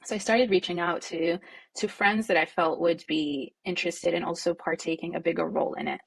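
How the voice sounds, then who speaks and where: A woman who co-founded a nonprofit, originally from Jordan, answering interview questions in a reflective, conversational way with frequent fillers and soft laughs. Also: fairly low pitch, fairly even intonation, fairly quick, vocal fry, breathy edge.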